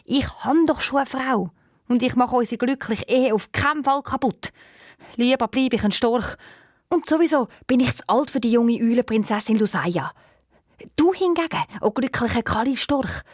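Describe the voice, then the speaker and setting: Woman doing an excitable old vizier stork. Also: on the high side, moderate pace, no room sound, clean studio sound, voice pushed up. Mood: excited. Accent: Swiss.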